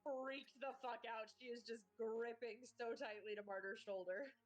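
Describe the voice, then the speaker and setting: A woman's voice: fairly high pitch, steady tone, normal speed. A woman playing a tabletop game with friends, blunt and profane in her reactions. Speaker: player. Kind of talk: casual tabletop game banter.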